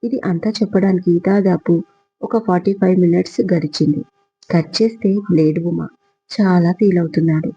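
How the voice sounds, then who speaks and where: A male storyteller reading an audio story in a steady, plain way. His voice is high with a gravelly rasp. Faint music plays beneath a slightly dull recording. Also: normal speed.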